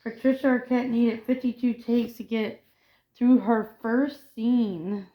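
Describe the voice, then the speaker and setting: A woman's voice: on the high side, fairly even intonation, slow, muffled recording. A woman co-hosting a casual pop culture chat, reading film trivia aloud and often stumbling over and correcting her words. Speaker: co-host.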